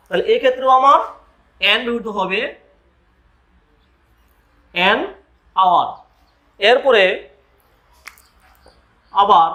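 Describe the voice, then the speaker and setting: A man teaches a grammar lesson in a high voice with a bright edge. He moves slowly and deliberately, spelling out letters one by one. He keeps asking his students rhetorical questions as he explains. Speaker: school English teacher.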